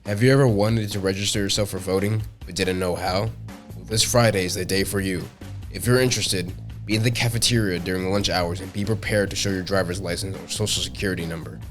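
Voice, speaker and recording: A man's voice: low-pitched, steady tone, fast talker, faint music behind. A teenage boy reading a school news announcement in a direct, informative way. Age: teens. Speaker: student announcer.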